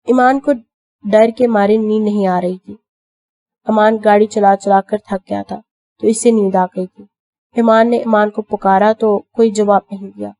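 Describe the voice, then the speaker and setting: A woman narrating an audio novel in a steady storytelling manner. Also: mid-range voice, no room sound. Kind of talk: scripted narration.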